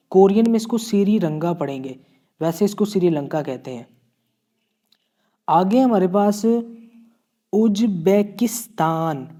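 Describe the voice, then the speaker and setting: This Pakistani teacher's high-sitting voice has a dark tone as he runs a classroom-style Korean vocabulary lesson in a Pakistani Urdu accent. He repeats every word patiently and checks in frequently.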